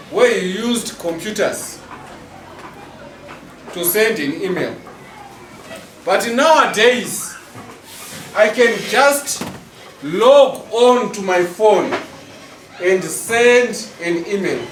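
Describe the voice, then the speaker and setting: A middle-aged man teaching a school class. He speaks slowly and deliberately, often checking with the pupils. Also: high-pitched, fairly bright tone. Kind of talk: classroom lesson. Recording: roomy hall echo, distant mic, class noise.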